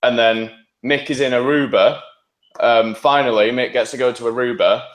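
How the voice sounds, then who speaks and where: A man of average pitch talks informally as a podcast panellist. The recording is roomy, with clear echo around his voice. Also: steady tone, moderate pace. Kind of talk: casual chat about TV shows. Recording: roomy, echoing sound.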